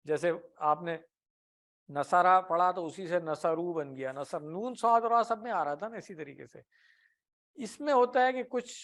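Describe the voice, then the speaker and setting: A man teaching Arabic grammar in an Urdu classroom lecture, patiently explaining with everyday examples and asking the class questions. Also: high-pitched. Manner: often ends points with a tag question.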